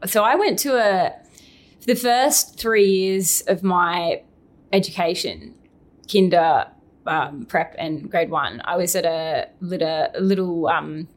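A young woman, a guest, answering in a halting way while she searches for words. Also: fairly low pitch. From Australia. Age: young adult. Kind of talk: casual chat.

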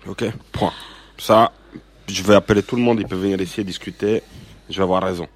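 A man's voice: low-pitched, steady tone, fairly quick. A man from Sardinia, a chef giving strong opinions as a guest in a radio interview. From Sardinia, Italy. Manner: emphatic, opinionated, with many hesitations.

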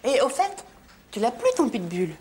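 Une collègue bavarde. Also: female voice, fairly high pitch, sing-song, normal speed, a little mellow, a little hiss or hum. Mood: chatty. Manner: chatty, eager. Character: chatty office colleague woman.

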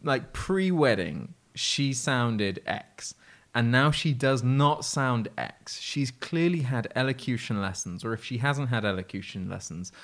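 Over drinks, a podcast host rambles through casual drunk chat, opinionated and often trailing off or repeating words. He has a medium-pitched, fairly bright voice, animated but at a measured pace.

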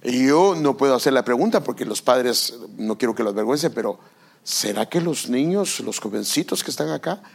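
An older man preaching a sermon as pastor, animated and acting out parents and children in little scenes. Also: medium pitch, normal speed, gravelly, husky.

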